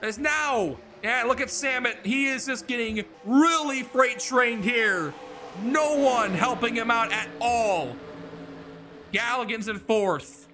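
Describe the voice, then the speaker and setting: A high, bright-voiced man calls a sim race with excitable play-by-play energy. He exclaims often and runs breathless in the busy stretches, while faint music plays underneath. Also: slow. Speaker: race commentator. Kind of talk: sim racing play-by-play commentary.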